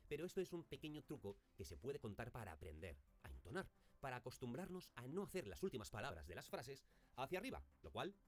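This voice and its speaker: A man, a teacher giving a recorded lesson on intonation and demonstrating stressed words in example phrases. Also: medium pitch. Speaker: speech teacher.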